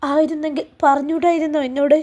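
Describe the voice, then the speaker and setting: A woman's voice: sits high, flat delivery, fast, a little mellow, close to an everyday voice. A woman reading a storybook, voicing a hurt young wife who answers tersely and holds back tears.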